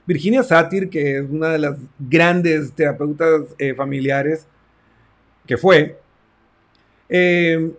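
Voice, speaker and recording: A man who works as a therapist, giving a reflective talk on self-esteem and acting out conversations with his clients. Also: fairly high pitch. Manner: reflective, acts out client dialogues.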